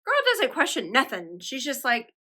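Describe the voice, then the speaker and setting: A woman's voice: high voice, huge pitch swings, moderate pace, bright, forceful tone, faint music behind. A woman hosting a film reaction, exclaiming and cheering at the screen. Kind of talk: excited film reaction commentary.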